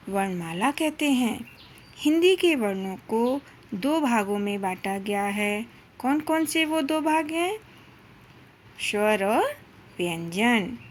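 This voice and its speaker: Slow, careful woman teacher. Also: on the high side, a little hiss or hum. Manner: slow, deliberate, drawn-out syllables with frequent pauses. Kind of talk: slow classroom lesson for children.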